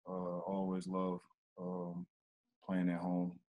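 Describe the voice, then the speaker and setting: Over a remote video call in front of an indoor press backdrop, a young male basketball player answers reporters' questions after a game. His delivery is calm, low-key, slow and steady. The audio is lo-fi.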